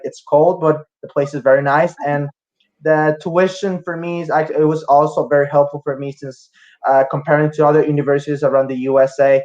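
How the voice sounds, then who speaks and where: The dull audio captures a young adult student from Costa Rica being interviewed; he hesitates often, filling pauses and restarting his answers. His fairly high voice has a slightly mellow quality.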